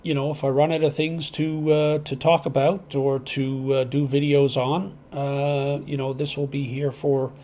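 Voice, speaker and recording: Speaking to the people who subscribe to his amateur radio channel, a man with a mid-range voice rambles along, pausing often and thinking as he goes without a script. The audio is clean apart from constant background noise.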